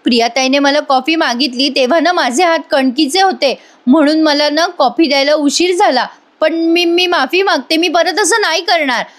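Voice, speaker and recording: A woman's voice: high-pitched, moderate pace, pitched above the performer's own voice, close to an everyday voice. A woman voicing a meek housemaid who apologizes tearfully and pleads.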